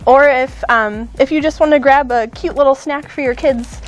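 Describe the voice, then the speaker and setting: A woman's voice: high-pitched, normal speed. A woman in her thirties hosting a casual candy shop chat, upbeat and chatty with fillers and small laughs.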